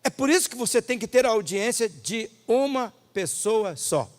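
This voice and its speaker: A man preaches with a Brazilian Portuguese accent, his voice sitting high for a man. He swings from loud, ringing declarations to quiet, intimate asides. A long reverb trails behind him in a big church hall. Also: lively intonation, moderate pace. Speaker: pastor. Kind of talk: sermon.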